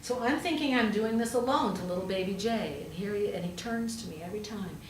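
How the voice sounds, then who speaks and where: In a brisk, mid-range voice, a pastor who doubles as a hospital chaplain tells a sermon story in a chatty manner, leaning on rhetorical questions and emphatic repetition. The audio is distant and roomy, with a faint hiss.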